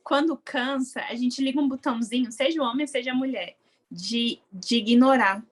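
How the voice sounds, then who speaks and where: A woman's voice: high-pitched, moderate pace. A woman in casual conversation, explaining animatedly and acting out quoted voices.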